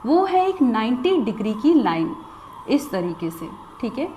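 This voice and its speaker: Lively high-voiced woman teaching. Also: measured pace, dull audio, a little hiss or hum. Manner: patient, explanatory, repeats "theek hai". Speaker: shorthand teacher. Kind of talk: recorded lesson.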